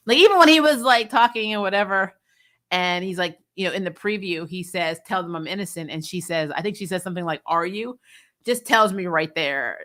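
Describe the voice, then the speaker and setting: A woman with a fairly low, slightly bright voice hosts a TV episode review show. She chats bluntly and animatedly in an unscripted, casual way, acting out little quoted asides and going over viewer comments.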